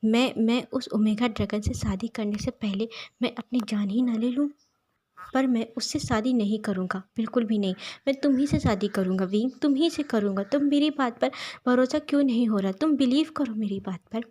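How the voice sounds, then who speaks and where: Casting: woman voicing a tender young man, soft and reassuring, storybook reading. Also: a little high, moderate pace, close to an everyday voice. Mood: pleading reassurance. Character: young man, tender and soothing devoted lover. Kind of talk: storybook narration.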